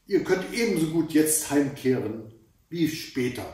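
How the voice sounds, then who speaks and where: A man doing a shrill old giantess. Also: big pitch swings, a little slow, a little mellow. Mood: exclaiming. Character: hundred-year-old giantess, troll's wife, long-nosed. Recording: very echoey room, voice from far off.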